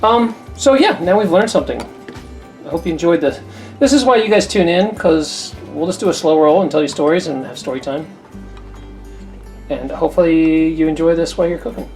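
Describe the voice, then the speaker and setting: Cooking in her home kitchen, a cooking channel host with a notably deep, slightly mellow voice chats casually, drifting easily from one story to another at a fairly quick pace. Faint music plays in the background.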